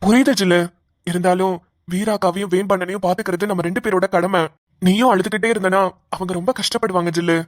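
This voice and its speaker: A woman voicing a kind young man who gently comforts his family in a cartoon. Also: medium pitch, fairly even intonation, fast talker, no room sound, studio quality, close to an everyday voice. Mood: tender.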